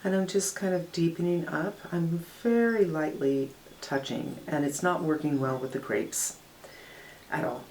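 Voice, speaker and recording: An older woman with a low-pitched voice talks through a makeup tutorial in a relaxed, conversational way. She judges each product plainly and matter-of-factly. A faint hiss sits under the recording. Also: a little slow, low-quality recording. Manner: frank, matter-of-fact product critique. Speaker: beauty vlogger. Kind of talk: casual makeup tutorial narration.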